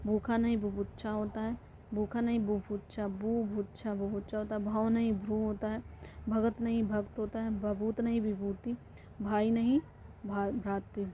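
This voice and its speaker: A woman teaches an exam-prep lesson, running through word pairs in an almost completely flat voice and repeating each one as a drill. Her pitch sits in a middle range. The recording is dull and lo-fi, with a faint hiss underneath. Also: moderate pace. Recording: dull lo-fi audio with faint noise.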